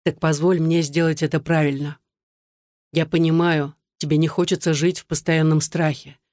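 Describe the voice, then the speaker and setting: An audiobook reader voicing a weary man on the run who speaks quietly and soothingly. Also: on the high side, steady tone, moderate pace, dry recording, clean studio sound, close to an everyday voice.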